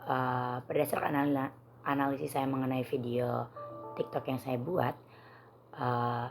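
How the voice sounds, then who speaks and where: A young woman with a hoarse voice, giving a formal, careful prepared student presentation. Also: very deep voice, little pitch movement, measured pace, music in the background. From Indonesia. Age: young adult.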